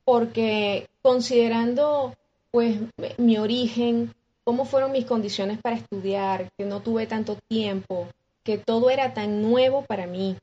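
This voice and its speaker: Husky-voiced Venezuelan woman telling stories. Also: fairly high pitch, measured pace, highs cut off. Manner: expressive, acts out quoted dialogue with many restarts. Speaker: guest musician. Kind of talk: animated storytelling in interview.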